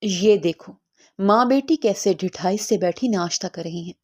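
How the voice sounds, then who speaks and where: A woman voicing a sharp-tongued village woman who taunts and sneers. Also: mid-range voice, close to an everyday voice. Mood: sneering.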